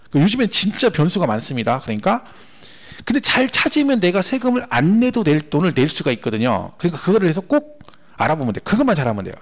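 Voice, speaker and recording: Animated fast-talking man teaching a class. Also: high-pitched. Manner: animated, repetitive, rhetorical questions to class. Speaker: tax law instructor. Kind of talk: exam prep lecture.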